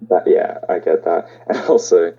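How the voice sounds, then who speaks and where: A man's voice: deep voice, animated, moderate pace, gravelly, warm tone, slightly rough, lo-fi sound. A young man hosting a casual podcast chat, hesitant and full of ums. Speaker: podcast host.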